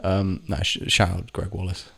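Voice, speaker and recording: A man's voice: low voice, monotone, moderate pace, vocal fry, fairly bright tone. A man telling a rambling, sweary personal story to camera, often stopping to correct himself. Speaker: vlogger. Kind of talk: casual storytelling monologue.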